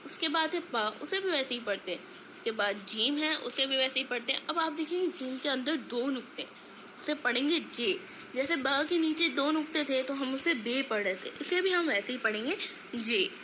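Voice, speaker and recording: A woman's voice: sits high, moderate pace, sharp tone, slight background noise, poor audio. A woman teaching a lesson, patiently repeating each sound and asking the viewer questions. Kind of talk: explaining an alphabet lesson.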